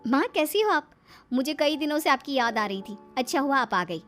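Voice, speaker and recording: A woman plays a young cartoon wife who speaks her mind, firm and indignant. Her voice is high and swings widely, with faint music behind. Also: expressive, moderate pace, fairly bright tone. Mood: affectionate. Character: outspoken young wife, elder daughter-in-law.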